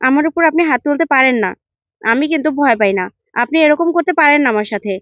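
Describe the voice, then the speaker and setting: A woman's voice: high-pitched, lively intonation, fast, fairly bright tone, dry recording. A woman voicing a nervous man who stammers and answers defensively, in a dull, dry recording.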